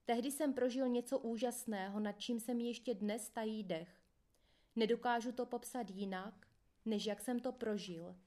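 A woman narrating a first-person memoir in a steady, plain reading voice. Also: fairly high pitch. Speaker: audiobook reader.

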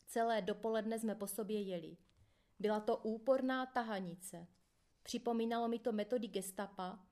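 Woman, audiobook reader, first-person memoir, steady plain delivery, medium pitch.

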